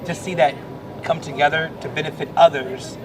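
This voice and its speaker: Middle-aged man, warmly earnest, rambling, high voice, steady rumble behind. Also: normal speed. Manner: earnest, emotional, rambling with restarts. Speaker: Salvation Army officer. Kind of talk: casual chat. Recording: noisy background rumble.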